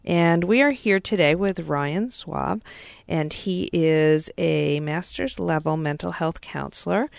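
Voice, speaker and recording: A woman's voice: sits low, slow, gravelly, dry recording, studio quality. A woman with a New York accent hosting a talk radio show, chatty, laughing often and interrupting herself. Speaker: radio host.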